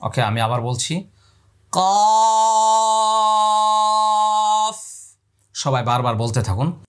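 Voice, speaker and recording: Breathy at the edges, medium in pitch and moderate in pace, this man guides the viewer through Quran pronunciation step by step. He explains calmly, draws each letter sound out in long calls, and answers the questions he poses himself.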